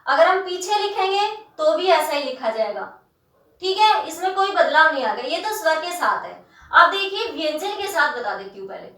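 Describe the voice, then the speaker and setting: Bright-voiced woman teaching in an echoey room. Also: extremely high pitch, sing-song, far from the mic. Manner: patient, drawn-out syllables, keeps checking in with students. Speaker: Hindi grammar teacher. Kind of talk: classroom lesson explaining spelling.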